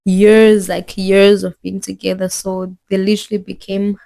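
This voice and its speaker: A young woman from Zimbabwe chats to her phone camera in a loose, rambling vlog style. Her voice is mellow and warm, and she keeps circling back with fillers and restarts. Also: medium pitch, level tone, moderate pace, vocal fry. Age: young adult. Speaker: vlogger. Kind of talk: casual chat.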